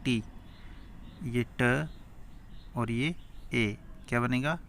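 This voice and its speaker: A man's voice: mid-range voice, very slow, a bit bright, a little hiss or hum. A man teaching Urdu script who sounds out each letter and syllable one at a time, then asks and answers his own questions. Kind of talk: slow spelling-out lesson.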